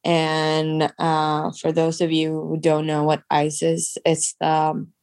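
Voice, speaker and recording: A woman's voice: low-pitched, completely flat delivery, takes it slowly, creaky, a little mellow, no room sound. A woman with a congested, stuffed-up nose from allergies, co-hosting a casual podcast from home. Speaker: podcast co-host. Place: at home on a couch, recorded over a video call.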